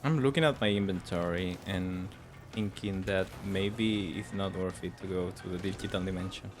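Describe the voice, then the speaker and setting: Faint music plays behind this low-voiced man, who talks at a moderate pace. He's a native Spanish speaker with a Spanish accent, casually chatting through a game stream, frequently laughing and tripping over words he then repeats.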